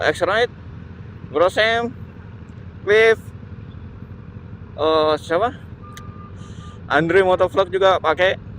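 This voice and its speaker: An Indonesian motovlogger rides his motorbike through traffic outdoors, offering casual, unscripted commentary that is halting, repetitive, and full of searching for words. His voice is high-pitched, and the audio quality is poor. Steady engine and road noise runs throughout, along with motorbike and vehicle sounds.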